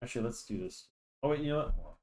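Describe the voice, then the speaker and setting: A young man with a darkish, medium-pitched voice talks fast and expressively during a casual drawing session for his channel. He rambles, often restarting and filling pauses, sounds slightly nasal from a cold, and speaks into a desk microphone.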